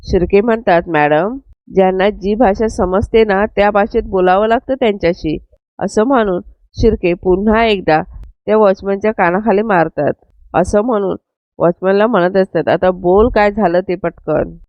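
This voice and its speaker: A woman's voice: mid-range voice, moderate pace, dry recording. A woman retelling a TV serial episode in scripted narration, reading every character's lines in the same plain tone. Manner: retells scenes, voicing all quotes in the same plain tone. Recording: dry, dull lo-fi recording.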